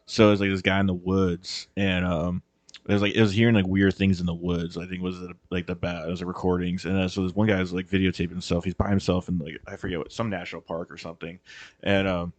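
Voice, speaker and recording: A man's voice: sits low, level tone, fast talker, no echo. A man co-hosting a podcast, chatting casually in a rambling way, full of fillers and swearing. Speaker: podcast co-host. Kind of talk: casual chat.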